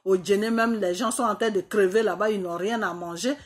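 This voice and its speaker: A woman's voice: mid-range voice, fairly even intonation, moderate pace. A woman from Côte d'Ivoire, delivering an indignant, mocking political rant to camera, full of repetitions. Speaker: political commentator.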